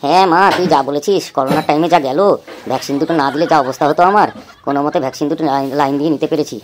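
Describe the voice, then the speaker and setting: A woman's voice: deep voice, fairly even intonation, racing, noisy background, lightly acted. Woman voicing a drowsy, food-loving father god. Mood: easygoing. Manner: rambling, grumbling, easygoing. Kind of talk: cartoon voice acting.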